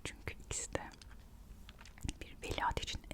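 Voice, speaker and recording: A storyteller whispers an ASMR narration, reading aloud and adding gossipy, musing asides. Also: moderate pace. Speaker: ASMR host narrating royal history.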